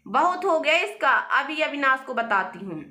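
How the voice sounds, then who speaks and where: A woman's voice: high-pitched, big pitch swings, normal speed, roomy sound, exaggerated voice. A woman playing a furious accusing young wife. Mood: angry. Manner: shouting, accusing. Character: quarrelsome angry young wife.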